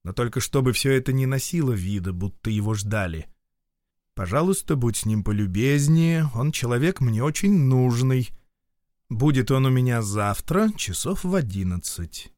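A grumbling, domineering official husband, as a man reading the story puts him on. He lectures in a peevish, insistent tone. His voice is mid-pitched, and the reading sounds dry and close. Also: lively intonation, moderate pace, a little mellow, dry recording, close to an everyday voice. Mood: peevish, lecturing.

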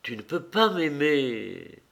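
Brief: male narrator doing a self-doubting young fiancé, halting, slow, strained storybook reading. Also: fairly high pitch, sing-song, creaky, a bit bright, voice pushed up, heavily acted. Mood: desperate. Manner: desperate, halting, with hesitations. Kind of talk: audiobook character voice.

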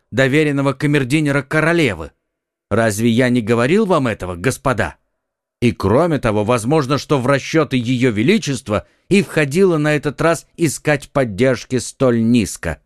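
A man voicing a quick-witted young swordsman in an audiobook, urgent and commanding. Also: mid-range voice, lively intonation, no room sound, clean studio sound, close to an everyday voice.

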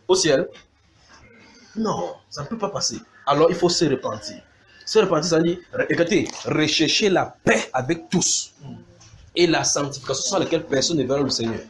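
Preacher, male, fairly high-pitched, animated sermon delivery with sound imitations, faint noise. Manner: animated, mimics sounds and gestures, calls out to the congregation.

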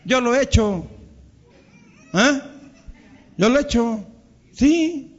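A man's voice: extremely high pitch, expressive, slow, dull audio. A male pastor with a Mexican Spanish accent preaching to his congregation, calling them brothers and acting out quarrels between spouses. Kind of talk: sermon.

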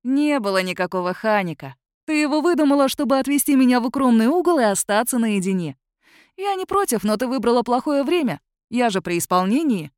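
A woman's voice: on the high side, expressive, brisk, darkish tone, dry recording, clean studio sound, pitched above the performer's own voice, close to an everyday voice. A woman voicing a smug, self-important young male mage in a storybook reading, pompous and dismissive.

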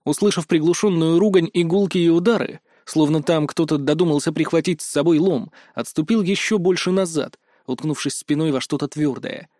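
A man reading a first-person audiobook in a tense, expressive way. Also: on the high side, normal speed, few pauses, no room sound, studio quality. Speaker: audiobook narrator.

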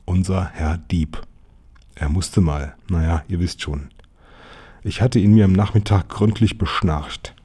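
A man's voice: unhurried, slightly rough. A man reading a children's novel aloud, shifting his voice for the boys' lines. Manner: lively, shifting pitch for quoted boys. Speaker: audiobook narrator. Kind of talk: audiobook reading of a children's novel, voicing the boys.

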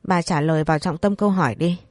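A woman's voice: low-pitched, fast talker, no echo, lightly acted. Stern young nobleman , voiced by a woman: mocking interrogator, dry close read. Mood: stern interrogating.

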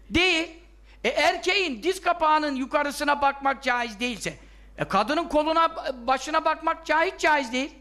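A man's voice: extremely high pitch, bright, forceful tone. A man giving a religious lesson, scolding his listeners and firing off rhetorical questions that he answers himself. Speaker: religious teacher.

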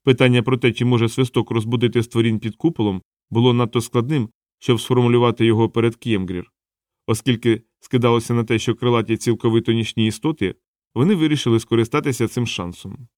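A man reads a novel aloud in an even, steady storytelling manner. His voice sits in a middle register. The recording is dry, with no room sound. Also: mid-range voice, fast, dry recording. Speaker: audiobook narrator. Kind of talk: scripted narration.

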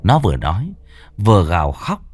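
A man's voice: very animated, moderate pace, breathy edge. A man narrating a horror story in a theatrical, dramatic way. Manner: theatrical, swinging pitch widely for effect.

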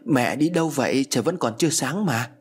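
A man's voice: medium pitch, lively intonation, brisk, breathy edge. A man voicing a frightened young widowed mother in a spoken ghost story, pleading and anxious. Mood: uneasy.

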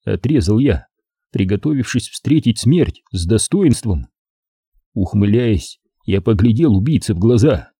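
A man narrating a first-person novel as an audiobook in a measured storytelling manner. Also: fairly low pitch, animated, warm tone, breathy edge, dry recording, clean studio sound.

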